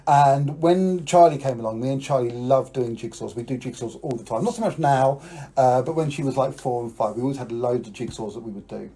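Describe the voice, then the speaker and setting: A man's voice: medium pitch, fairly quick, mellow. A middle-aged British man hosting a live magic show for children, talking like a kids' party magician and urging the audience to join in.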